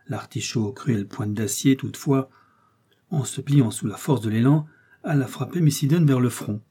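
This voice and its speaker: Male audiobook narrator, steady measured delivery, mellow raspy tone. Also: medium pitch. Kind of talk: dramatic novel narration.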